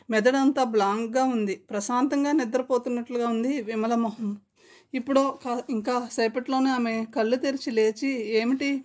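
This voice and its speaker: Woman reading a novel aloud, steady and measured, slightly high voice. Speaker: storyteller. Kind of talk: audiobook novel narration.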